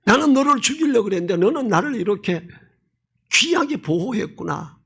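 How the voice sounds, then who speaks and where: Pastor acting out a weeping remorseful old king, husky, raised pitch. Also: very animated, moderate pace, fairly bright tone, exaggerated voice. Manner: tearful, pleading.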